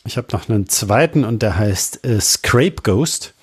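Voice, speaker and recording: A man on a tech podcast explaining something in a halting way, with many fillers. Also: fairly low pitch, lively intonation, husky. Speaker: podcast co-host. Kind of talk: casual tech podcast chat.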